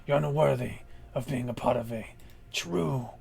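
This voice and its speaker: A man voicing a gruff, scornful orc bully with a gravelly, barking delivery in a tabletop game. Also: mid-range voice, moderate pace, darkish tone. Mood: scornful, angry. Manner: contemptuous, barking.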